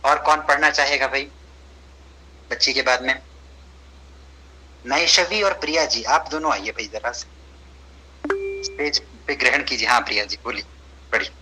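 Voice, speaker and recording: A man's voice: mid-range voice, moderate pace, pauses often, sharp tone, slight background noise, low-quality recording. A man teaching an online class over a video call, patient and encouraging, slipping English phrases into his speech.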